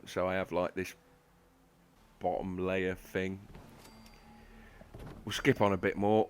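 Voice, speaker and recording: A man talks over game footage in a dry, self-deprecating ramble, his voice sitting on the low side. A slight lisp from a sore tooth shows in his speech. He sounds like a home gaming channel host. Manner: sarcastic, self-mocking, rambling. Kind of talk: gameplay commentary.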